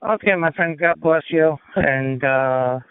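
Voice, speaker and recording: A man's voice: on the high side, takes it slowly, clean tone. A man, an amateur radio operator, speaking over a radio link in a friendly, hesitant way with fillers. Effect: heard over a radio link. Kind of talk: ham radio contact. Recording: tinny narrow radio audio.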